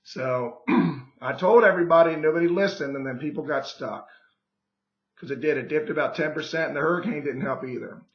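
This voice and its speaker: Hoarse man, high voice, pushy real estate pitch on a phone call, echoey dull room. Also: fairly quick. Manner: persuasive, pushy, repeats "okay?" and "right?"; clears throat often. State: hoarse, losing his voice.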